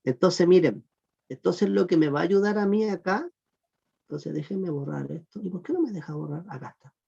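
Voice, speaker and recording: A teacher giving an online class on Greek verb grammar, patiently repeating "look" and asking the class whether it is clear. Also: mid-range voice, expressive, normal speed, dark tone. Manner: patient, repeats "miren" and "fíjense" often; asks the class check questions. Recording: muffled lo-fi recording.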